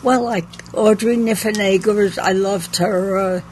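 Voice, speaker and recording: A woman's voice: medium pitch, fairly even intonation, unhurried, a little mellow, a little hiss or hum, rough recording. An older woman who owns a bookshop, chatting in an interview and telling anecdotes with a laugh. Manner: chatty, anecdotal, laughs at her own stories. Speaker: bookshop owner. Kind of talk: casual interview storytelling.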